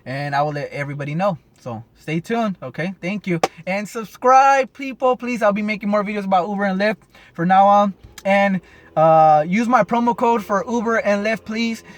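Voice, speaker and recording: A man's voice: sits high, moderate pace. A man vlogging as a rideshare driver, rambling and swearing, tacking "and stuff, you know" onto his sentences, caffeinated early in the morning. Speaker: rideshare driver giving advice. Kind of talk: casual unscripted vlog.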